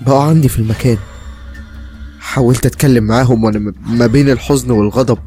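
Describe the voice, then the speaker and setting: A man's voice: mid-range voice, fairly even intonation, rapid-fire, warm tone, faint music behind. A man with an Egyptian accent narrating a dramatic first-person crime story.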